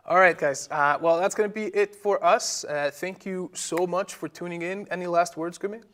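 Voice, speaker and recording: A man's voice: sits high, fairly even intonation, moderate pace, fairly bright tone. A young man from Iceland hosting a casual live-stream Q&A, rambling with lots of fillers and restarts. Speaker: host.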